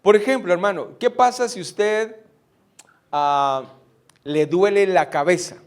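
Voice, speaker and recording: A man's voice: sits high, slow pace, smooth. A middle-aged man preaching a sermon, putting rhetorical questions to his congregation. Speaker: pastor.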